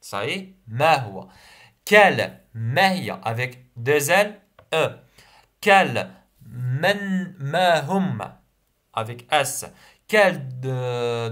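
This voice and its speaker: A young male French teacher with an Algerian accent gives a revision lesson for primary school pupils. His pitch rises and falls with a lively, animated lilt. He reads each example slowly, repeats it, and then translates it.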